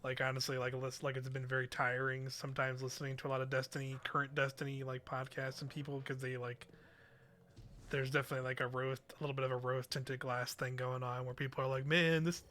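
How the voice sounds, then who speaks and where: A young man with a bright, forward voice and a fairly flat delivery chats casually on a game stream. He rambles hesitantly in loose slang, with noise audible behind him. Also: mid-range voice, fast talker. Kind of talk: casual chat while gaming.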